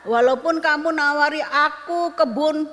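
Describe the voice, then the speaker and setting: Stubborn man refusing to sell, as a woman tells it, high voice, firm, echoey hall, storybook telling. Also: measured pace, a bit bright. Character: stubborn loyal male vineyard owner.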